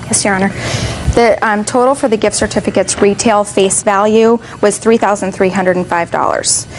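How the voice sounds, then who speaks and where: A woman's voice: mid-range voice, fairly even intonation, moderate pace. Woman plaintiff testifying, faint background noise. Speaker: plaintiff in TV court. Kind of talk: formal courtroom testimony.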